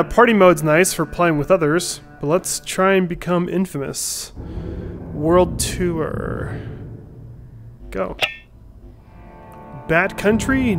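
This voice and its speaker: High-voiced man doing game commentary. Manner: chatty, reads on-screen text aloud. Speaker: gaming video host. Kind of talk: casual playthrough commentary. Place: indoor room at home. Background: game music.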